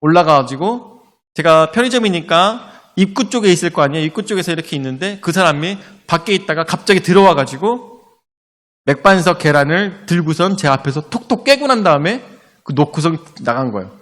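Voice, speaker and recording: Korean pastor preaching in a reverberant hall. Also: male voice, fairly high pitch, a little fast. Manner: storytelling, animated retelling with spoken asides. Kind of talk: sermon with personal stories. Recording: long reverb of a church hall.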